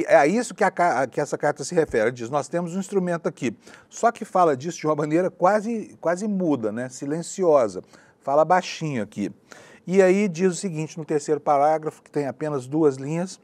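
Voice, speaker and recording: Indignant, fairly high-voiced male commentator. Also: darkish tone. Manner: indignant, sarcastic, conversational. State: hoarse after a long broadcast. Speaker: news commentator. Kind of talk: opinionated news commentary. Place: studio.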